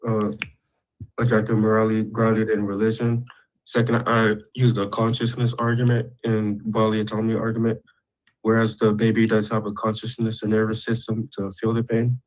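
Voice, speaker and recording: A man calling into an online debate, measured and laying out his points one by one. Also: fairly low pitch, level tone, slight background noise. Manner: measured, lays out points in order. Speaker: debate caller. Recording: dull lo-fi mic.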